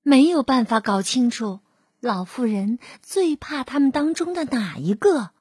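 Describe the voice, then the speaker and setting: A woman narrating a children's storybook in an expressive, drawn-out manner. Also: sits high, breathy edge, dry recording, studio quality.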